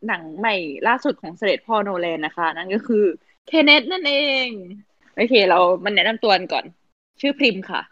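Lively woman host, swings her pitch, dry close sound, a bit dull. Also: fast talker, no room sound. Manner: animated, laughing. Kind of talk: casual podcast chat.

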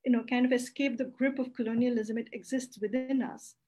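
A woman's voice: a little high, steady tone, brisk, warm tone. A woman from India speaking as a panelist, answering thoughtfully and earnestly. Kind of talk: panel discussion.

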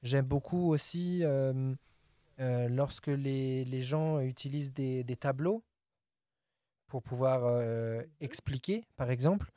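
A man's voice: mid-range voice, slow, warm tone, no echo. A man, a linguist, chatting casually about language apps and videos, with many fillers and repeated words.

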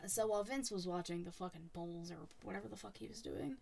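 A woman with a hoarse, raspy, nearly lost voice bantering casually as a podcast host, sweary and sardonic. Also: medium pitch, fast, mellow.

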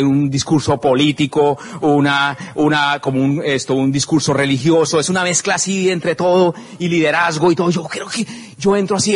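A man telling an animated story to an audience at a business event, acting out the scenes and calling out to the crowd. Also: on the high side. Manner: expressive, acts out scenes and shouts.

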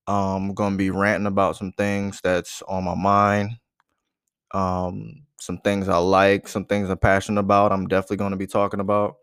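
A man in his thirties, originally from Ohio, hosts his own podcast in a loose, candid monologue full of "um"s. His voice sits somewhat low with a smooth, resonant tone. The sound is close and dry, with no room around it. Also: normal speed, dry recording. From Ohio, USA. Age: 30s. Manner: rambling, many "um" fillers, relaxed and candid. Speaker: podcast host. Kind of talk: casual solo podcast monologue.

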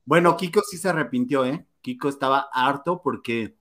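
A man's voice: normal speed, a crowd in the background. Mexican man hosting a gossip chat. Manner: animated, mocking, slips into shrill impressions. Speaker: host.

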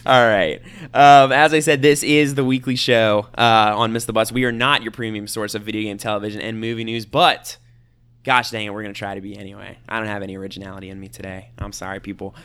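A man hosting a casual podcast, joking and teasing his co-hosts, often trailing off quietly. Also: on the low side, steady tone, quick pace, clean tone. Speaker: podcast host.

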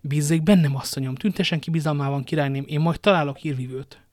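A man reading an audiobook, voicing a loyal young maid who speaks gently and earnestly, full of pity. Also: a little high, no room sound, clean studio sound, natural voice.

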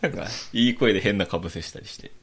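A man's voice: fairly low pitch, animated, fast talker, vocal fry, a bit bright, a little hiss or hum. A young man with a Kansai accent, co-hosting a podcast in casual chat with dry, wry teasing. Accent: Kansai Japanese. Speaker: podcast co-host.

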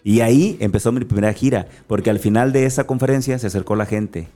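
A man with an Acapulco Mexican accent speaks as a guest in an interview, a lively storyteller who acts out the conversations he recounts. His voice sits fairly low and sounds mellow and dark. Faint music plays under the talk. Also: fast talker. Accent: Mexican Spanish, from Acapulco. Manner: animated storyteller, acts out dialogue.

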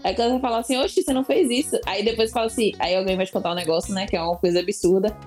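A woman talking very fast in a playful, teasing way, acting out expressions. Faint music sits behind the conversation. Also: mid-range voice, steady tone, a little mellow. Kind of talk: casual chat.

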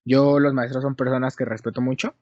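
With a mid-range, slightly mellow voice, level tone, and brisk pace, a young adult man with a Mexican Spanish accent tells a rambling story to friends. He corrects himself often, and the recording sounds dull, dry, and lo-fi.

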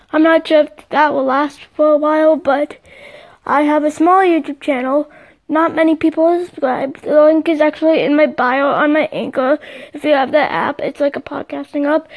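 A woman's voice: high-pitched, darkish tone. A young woman hosting a casual solo podcast, chatting in a rambling way with lots of fillers, recorded on a phone mic. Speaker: podcast host. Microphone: phone microphone.

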